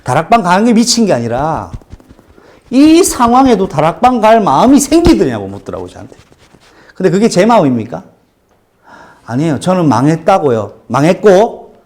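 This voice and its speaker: Male pastor, middle-aged, animated storyteller, very expressive pitch. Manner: animated storytelling testimony, acting out quoted cries. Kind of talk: sermon.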